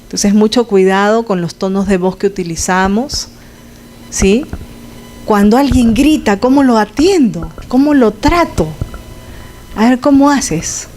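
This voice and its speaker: A woman's voice: mid-range voice, unhurried, darkish tone, a little hiss or hum. Woman lecturing a class. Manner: conversational, asks the class questions, sound effects like "pum". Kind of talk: lecture to health students.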